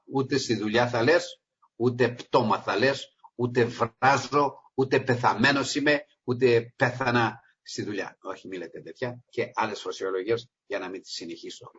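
A man preaching an informal sermon to his congregation, emphatic, jumping from loud stressed phrases to low asides. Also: husky. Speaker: lay preacher. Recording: dull lo-fi recording.

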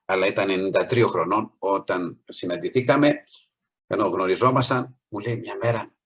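A man's voice: deep voice, a bit bright, slightly rough. A man preaching a sermon, earnest, rising on key points and acting out the people in his stories.

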